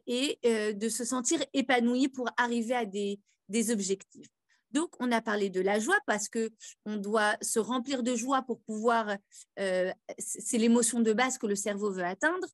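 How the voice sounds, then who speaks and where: A woman's voice: a little high, dry recording, clean studio sound. A woman leading a wellness lesson on emotional tapping, speaking in a coaching tone with many fillers and restarts. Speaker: EFT practitioner. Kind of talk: wellness workshop teaching.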